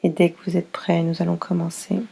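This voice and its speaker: In a fairly low, gravelly, mellow voice with a breathy edge, a woman instructor guides a yoga nidra relaxation. She keeps a level tone, soothing and unhurried, speaking in short phrases with pauses.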